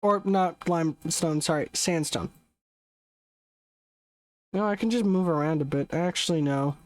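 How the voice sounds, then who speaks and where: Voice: mid-range voice, measured pace, dry recording. A young adult game streamer chatting casually during a live session, rambling, correcting themselves often and swearing offhandedly. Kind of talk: casual live gameplay commentary.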